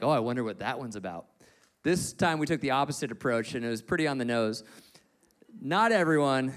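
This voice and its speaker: Man, church session intro, energetic, emphatic pauses, clear smooth voice. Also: medium pitch. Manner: energetic, leads the audience, slows for emphasis. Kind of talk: sermon intro.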